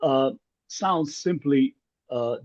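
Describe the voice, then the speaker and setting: On a video call with muffled lo-fi sound, a man who grew up speaking Ukrainian takes part in a workshop discussion. His medium-pitched voice is a little mellow, with drawn-out words, and he is hesitant, frequently restarting and repeating himself.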